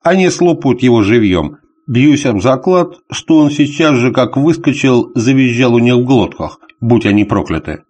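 A man voicing a gruff, weary male traveler on a dog sled in an audiobook, grumbling and blunt. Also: mid-range voice, animated, moderate pace, few pauses, darkish tone, lightly acted. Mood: grim.

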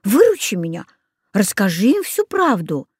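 A woman voicing an earnest young schoolboy who pleads quietly to be believed. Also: medium pitch, wildly swooping pitch, moderate pace, breathy edge, no echo, studio quality. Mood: pleading.

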